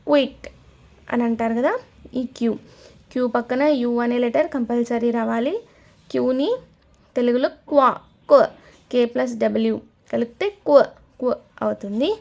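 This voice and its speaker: A woman teaching a slow, repetitive spelling lesson, sounding out each letter several times and quizzing her learners. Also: on the high side, gravelly, darkish tone.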